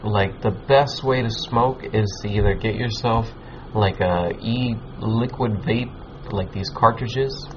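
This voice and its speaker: A man's voice: fairly low pitch, slow pace. A man chatting casually in a laid-back, slangy stoner manner, rambling and swearing as he hosts. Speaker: podcast host. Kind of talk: casual chat, giving advice. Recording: muffled lo-fi with background noise.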